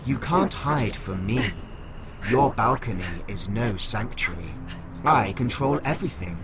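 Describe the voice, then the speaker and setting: A man voicing a smart-home AI gone evil, speaking in a smooth, coldly polite, quietly threatening way. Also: mid-range voice, animated, a little slow, over a noisy crowd, close to an everyday voice. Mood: calm menacing. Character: calm menacing male smart-home AI turned evil. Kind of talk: comedy sketch acting.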